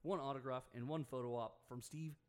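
A man's voice: medium pitch, steady tone, brisk, a little mellow. A young man hosting a local sports radio show, chatting loosely with jokes and asides. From Houston area, Texas. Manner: joking, loose banter with asides. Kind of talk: casual sports radio chat.

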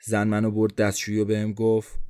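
A man's voice: fairly low pitch, completely flat delivery, a little mellow, a little hiss or hum. A man narrating a first-person story for a podcast he writes, in a tense, introspective inner-monologue manner.

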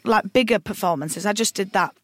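A woman comedian chatting casually on a podcast, agreeable and quick to add "isn't it". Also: medium pitch, no room sound. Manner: chatty, agreeable, frequent tag questions. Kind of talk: casual chat.

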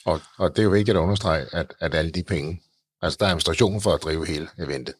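Deep, husky-voiced male host. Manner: hesitant, repeats words, warm encouraging questions. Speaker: podcast host. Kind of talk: interview conversation.

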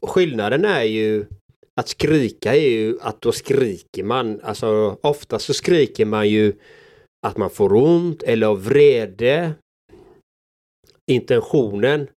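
A man co-hosting a podcast, explaining his views in a calm, measured way. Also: mid-range voice. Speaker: podcast co-host. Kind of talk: casual podcast conversation.

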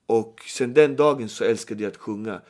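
A middle-aged man telling stories in a casual podcast chat, acting out the voices of people he quotes. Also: on the low side. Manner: animated storyteller, acts out quoted voices. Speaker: guest storyteller.

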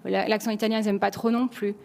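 A woman from France chats in an easy, rambling way, often restarting her sentences and leaning on little fillers. Her voice sits at a middle pitch. A long reverb trails behind her words. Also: flat delivery, fast, gravelly, darkish tone. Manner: chatty, many restarts and fillers. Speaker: interviewee. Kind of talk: casual interview. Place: New York.

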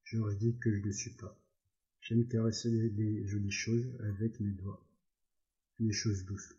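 A man reading the lines of a simple-minded, childlike farmhand in a storybook, slow and earnest, on a slightly dull recording. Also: on the low side, level tone, mellow, natural voice.

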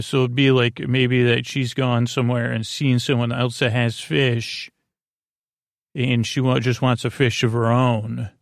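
Whimsical and hesitant, this sleep podcast host rambles through a bedtime monologue, stumbling over stammered false starts. His voice is medium-pitched, creaky and gravelly, captured cleanly in the studio without echo.

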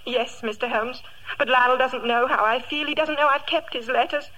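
A woman playing an anguished, pleading gentlewoman in melodramatic 1940s radio acting. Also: high-pitched, steady tone, moderate pace, low-quality recording. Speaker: radio actress.

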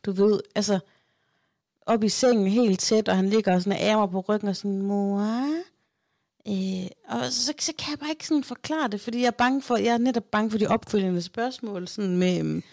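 A woman in her thirties co-hosting a casual podcast, her voice carrying a gravelly fry as she tells frank stories about her kids. She speaks into a close mic in a dry, deadened room. She slips into her children's voices when she quotes them. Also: medium pitch, darkish tone, dry recording. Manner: candid storytelling, acts out her kids' voices. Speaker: podcast co-host. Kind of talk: casual chat.

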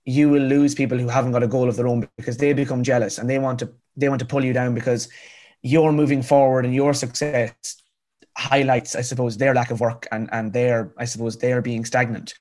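A little fast and a little mellow, the medium-pitched voice of this twenties-aged author from rural County Cavan shows little pitch movement. Being interviewed, he recounts his story earnestly and emphatically in a rural Irish accent, repeating phrases for effect.

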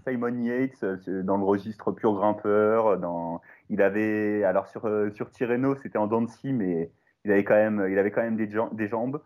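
Man, guest expert, low voice, relaxed, laughing, muffled lo-fi audio. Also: normal speed. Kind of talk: casual chat. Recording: dull lo-fi line.

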